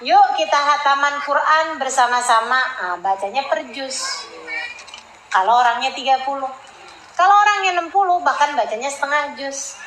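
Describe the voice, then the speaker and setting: High-voiced woman preacher, chatty and teasing. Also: normal speed, a bit bright, roomy sound, a little hiss or hum, poor audio. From Indonesia. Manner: chatty, teasing, laughing asides. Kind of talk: casual sermon answering questions.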